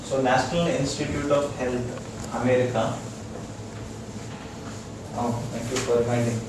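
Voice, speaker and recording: A doctor with an Indian accent teaches integrative medicine in a casual lecture to a small roomful of listeners. His medium-pitched voice is a little slow, with fairly even intonation, and he explains in short, repeated phrases while checking that everyone follows. The audio is noisy and echoey from a distant microphone.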